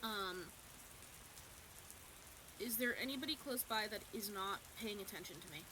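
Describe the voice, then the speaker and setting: A woman takes her turn in a tabletop game, pausing with ums as she thinks through her moves. A clear hiss runs under her voice throughout. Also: medium pitch. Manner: hesitant, with frequent ums. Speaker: player. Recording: hissy background noise.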